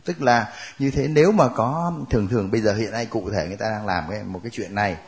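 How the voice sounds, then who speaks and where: A man's voice: on the low side, fast. A man teaching a Bible class, joking and laughing with his students.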